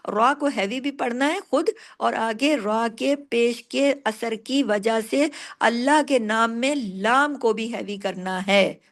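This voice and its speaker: A woman teaching Quran recitation rules, explaining patiently, asking and answering her own questions, and slowing down to recite words. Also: on the high side, gravelly. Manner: slows down sharply to recite words. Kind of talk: tajweed lesson, explaining and reciting.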